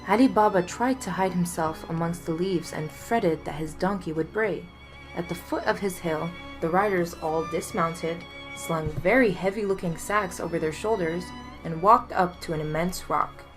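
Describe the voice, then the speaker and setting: A woman reading a folktale aloud in a measured, expressive storytelling manner. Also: on the low side, faint music behind.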